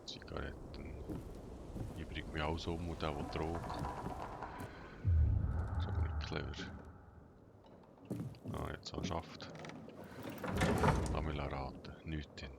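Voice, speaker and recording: A man giving casual gameplay commentary as a let's player, muttering to himself in a monotone way. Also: rumbling low, takes it slowly, creaky, pauses often. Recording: loud noise over the voice.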